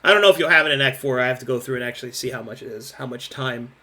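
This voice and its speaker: A man's voice: medium pitch, racing, bright, forceful tone. A man running a tabletop game as game master, chatting casually and animatedly with his players and swearing freely.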